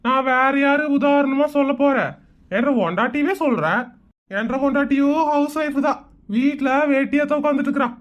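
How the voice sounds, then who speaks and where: A woman's voice: high-pitched, a little fast, highs cut off, close to an everyday voice. A woman voicing a smug, dismissive middle-aged village husband with a Kongu Tamil accent in a comic cartoon. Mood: scoffing. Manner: scoffing, dismissive.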